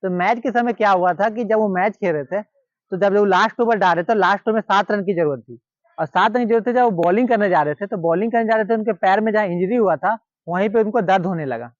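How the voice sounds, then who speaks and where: Indian guy with a high voice telling a story casually, lots of repeating, dry dull lo-fi recording. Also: fast, no room sound. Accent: Hindi-speaking Indian. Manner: repetitive, conversational retelling with quoted dialogue. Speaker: cricket storyteller.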